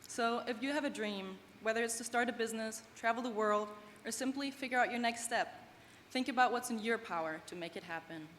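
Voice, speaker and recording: A German woman in her twenties, speaking English as a second language, gives an earnest, heartfelt prepared commencement speech as a student at a graduation in a large event hall. Her voice is a little high and bright, and she talks a little fast with few pauses. The recording has a long hall reverb and faint background noise.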